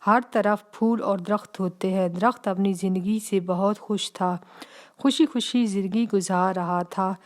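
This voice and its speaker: A woman's voice: medium pitch, steady tone. A woman reading a scripted children's story as narrator, in storybook style.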